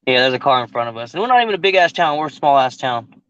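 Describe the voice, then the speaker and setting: A man from New Mexico talks fast and jokes around in casual chat. His pitch is ordinary. The recording is dull and muffled. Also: very animated, fairly bright tone, clear, resonant tone. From Clovis, New Mexico. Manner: quick, joking, laughs often. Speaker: co-host.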